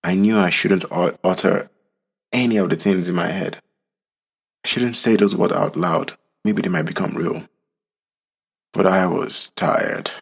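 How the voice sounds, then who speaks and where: A man, from Nigeria, telling his own story in slow, solemn, reflective narration. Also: sits low, gravelly, slightly rough. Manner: slow, solemn, deliberate delivery.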